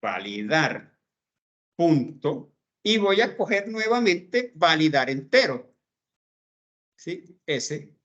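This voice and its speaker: A man's voice: fairly high pitch, very animated, fairly bright tone, muffled recording. A man teaching a programming class, talking through code step by step and checking in with his students as he goes. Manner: slow, step-by-step explaining, checks in with "¿verdad?". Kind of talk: screen-recorded coding lesson.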